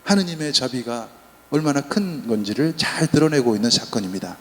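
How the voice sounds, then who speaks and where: A man's voice: mid-range voice, brisk. A male priest giving a Lenten sermon in a church, telling stories with humor. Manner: lively, humorous storytelling. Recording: long church reverb.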